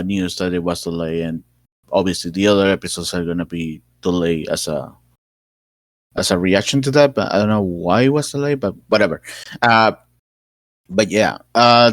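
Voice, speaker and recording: Podcast cohost guy, lowish voice, dry close sound, rambles with lots of uhs. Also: no room sound. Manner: rambling, many fillers and restarts. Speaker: podcast co-host. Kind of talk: casual chat.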